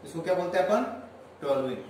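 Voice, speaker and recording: Man, high voice, chemistry lecture, counts aloud and quizzes the class, distant from the mic, very echoey classroom. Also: expressive, fast, slight background noise. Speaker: chemistry teacher. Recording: very echoey room, voice far from the mic.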